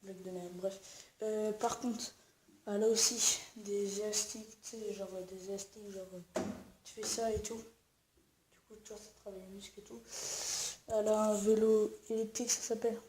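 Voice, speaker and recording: A woman's voice: mid-range voice, little pitch movement, normal speed, noisy background. A young woman filming a casual home-tour vlog, rambling with many fillers and restarts while she is sick. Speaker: YouTuber. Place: at home indoors.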